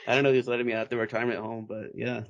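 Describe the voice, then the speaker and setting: A man's voice: medium pitch, little pitch movement, fast talker, highs cut off. A man in his twenties from Texas, hosting a casual podcast chat and laughing often. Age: 20s. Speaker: podcast host.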